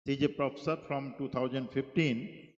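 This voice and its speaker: A middle-aged man with an Indian English accent, chairing a conference session and introducing speakers formally, with halting speech and many fillers. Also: medium pitch, steady tone, darkish tone. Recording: muffled echoey hall PA.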